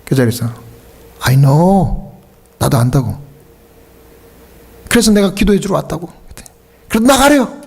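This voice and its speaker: Storytelling Korean pastor, higher-pitched man. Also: lively intonation, a little slow, long pauses, mellow, breathy edge. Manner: conversational, acts out quoted dialogue. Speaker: pastor and hospice chaplain. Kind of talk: storytelling sermon. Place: church sanctuary.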